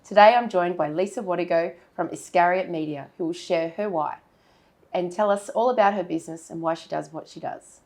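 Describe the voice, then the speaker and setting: A woman's voice: on the low side, a little fast, a little mellow. An Australian woman hosting an interview series, who introduces the show and encourages her guest in an upbeat way.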